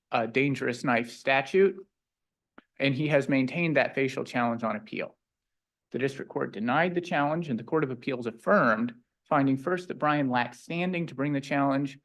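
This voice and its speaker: A man's voice: medium pitch, fairly bright tone. Male defense attorney, mid-range voice, formal appellate argument.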